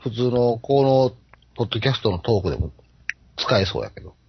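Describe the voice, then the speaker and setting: A man with a Kansai accent in casual podcast chat, animated and teasing. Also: mid-range voice, a little fast, a little hiss or hum. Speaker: podcast co-host. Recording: dull lo-fi podcast audio.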